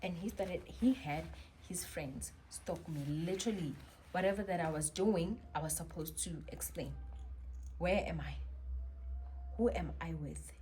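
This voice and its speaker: A young woman tells a personal story to her vlog audience in a low voice. She talks in a slangy, animated way and often breaks into sudden loud bursts. A faint hiss sits behind her. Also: unhurried. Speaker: vlogger.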